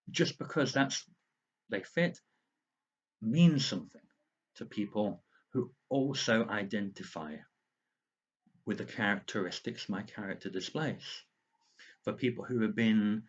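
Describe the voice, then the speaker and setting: An author vlogger with a slight lisp records a casual lockdown video diary at home indoors, talking earnestly and rambling a bit straight to the viewer. His voice is fairly low, and the highs are cut off.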